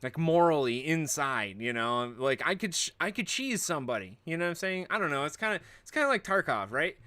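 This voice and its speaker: A man's voice: a little high, big pitch swings, a little fast, pushed and bright. A man hosting a livestream, chatting casually in rambling, joking rants. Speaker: livestream host.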